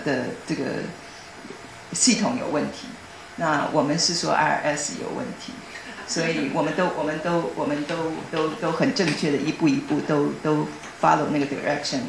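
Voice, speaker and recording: A woman giving a personal testimony in a church hall, telling her story earnestly and excitably, often restarting her sentences. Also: deep voice, a little hiss or hum.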